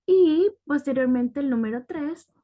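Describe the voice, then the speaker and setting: A woman's voice: high voice, lively intonation, measured pace, phone-quality sound. A woman teaching a grammar lesson, patient and methodical, often checking in with the class. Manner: patient, repeats "ok" to check understanding. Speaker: English teacher.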